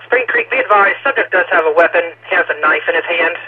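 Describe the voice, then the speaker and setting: A man's voice: high-pitched, fast. A man working as an emergency dispatcher, heard over a police radio, giving clipped radio codes. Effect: police radio transmission. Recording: tinny radio with loud static.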